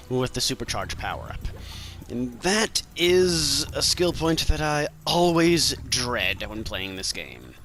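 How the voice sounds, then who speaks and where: Animated man doing game walkthrough commentary. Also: medium pitch. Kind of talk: casual gameplay commentary. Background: game music.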